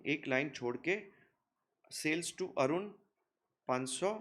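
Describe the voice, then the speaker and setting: Lively Hindi-speaking commerce teacher, fairly high voice. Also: male voice. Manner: lively, teasing teacher who voices students' questions himself. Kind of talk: recorded classroom lecture.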